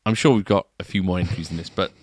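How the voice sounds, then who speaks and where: A man's voice: low voice, quick pace. A man co-hosting a shop podcast, chatting casually and often ending remarks with tag questions. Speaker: podcast co-host at a guitar shop. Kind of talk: casual chat. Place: shop, indoors.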